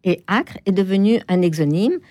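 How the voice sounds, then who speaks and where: A woman guest explaining things in an interview, hesitant, with many pauses and fillers. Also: mid-range voice, expressive, a little mellow, no echo. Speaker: toponymy expert guest. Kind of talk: interview answers.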